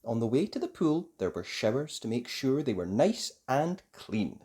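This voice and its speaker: Here a mid-range voice narrates a story for small children, following a script with lots of expression and a slow, lilting, sing-song rhythm.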